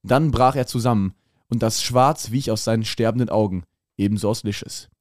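A man's voice: fairly low pitch, fairly quick, no echo, studio quality. A man co-hosting a podcast, reading a fan story aloud with dramatic flair and laughing at the text. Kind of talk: comic read-aloud.

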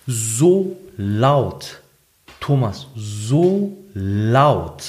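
A man's voice: medium pitch, big pitch swings, extremely slow, a little mellow. A man casually telling a personal story, acting out quoted dialogue in changing voices, colloquial with lots of fillers. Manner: colloquial, many fillers and "ich so". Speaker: guest telling his life story.

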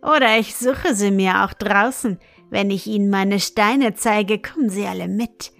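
An evil old wizard who lures children, gloating and coaxing in a slow, unhurried storybook telling, as a woman reads him out. The voice sits in a middling register and is recorded close and dry, with soft music faintly behind it. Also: medium pitch, creaky, dry recording. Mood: scheming.

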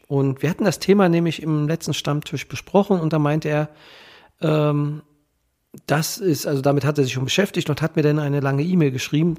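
A male podcast host talks informally through a head cold. His voice is nasal and congested, on the dark, soft side, and his delivery halts often as he searches for words. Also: medium pitch. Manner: hesitant, halting delivery with many ehs and ums. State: has a cold. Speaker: podcast host, legal guardianship professional.

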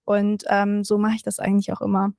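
Friendly yet hesitant, a young Berlin woman who creates content gives casual answers as an interview guest, peppering them with "ähm". She talks fairly quickly in a mellow, medium-pitched voice with completely flat delivery, recorded dry and close with no room sound, remotely from another room.

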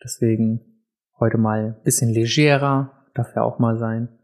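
A man's voice: medium pitch, fairly even intonation, measured pace, darkish tone. A man talks casually into a desk microphone as the host of his own podcast. He is chatty and pokes fun at himself, with frequent um and uh fillers. He sits indoors in a room set up for recording. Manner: chatty, self-deprecating, many filler sounds. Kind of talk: casual solo podcast chat. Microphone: podcast mic on a desk, also filmed for video.

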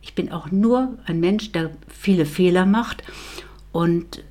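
Woman, low voice, podcast guest, thoughtful, hesitant, fillers and restarts. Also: warm tone. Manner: reflective, halting, with fillers and restarts. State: married. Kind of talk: personal account in a podcast.

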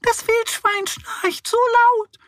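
A man voicing a group of tiny forest mice in a children's audio story, squeaking and complaining. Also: fairly even intonation, slow, fairly bright tone, no echo, clean studio sound, heavily acted.

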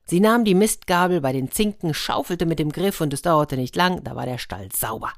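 A woman telling a fairy tale aloud in a lively, expressive way. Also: deep voice, normal speed, no echo, clean studio sound. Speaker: storyteller.

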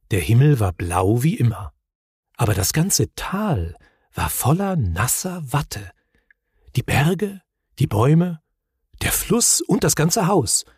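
A man working as a care home receptionist, reading a story aloud in a friendly, expressive way. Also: medium pitch, slightly rough, dry recording, clean studio sound.

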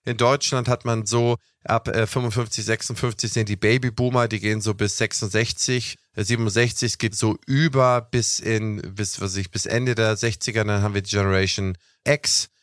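A man's voice: lowish voice, fairly even intonation, fairly quick, hardly any pauses, no echo, studio quality. A young man hosting a casual talk show, explaining at length with lots of "ne?" fillers. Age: young adult. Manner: chatty, explanatory, with fillers like "ne?" and "was weiß ich". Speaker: podcast host.

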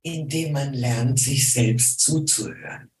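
A middle-aged woman, a voice and singing teacher, speaking as an interview guest in a deliberate way with many hesitations. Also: rumbling low, darkish tone, roomy sound, a little hiss or hum. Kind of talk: casual interview talk.

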